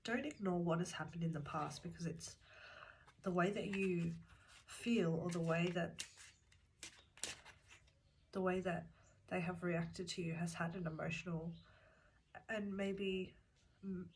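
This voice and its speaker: Nursing a cold that makes her voice fade in and out, an Australian tarot reader leads a pick-a-card reading and speaks directly and earnestly to the viewer. Her voice is on the low side, measured, with long pauses and a calm manner. Cards shuffle and click amid loud background noise.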